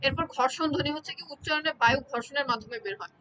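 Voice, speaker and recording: Woman lecturer, high-pitched, patient, repeats examples, checks in often, light hiss behind. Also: very fast. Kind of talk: exam-prep lecture.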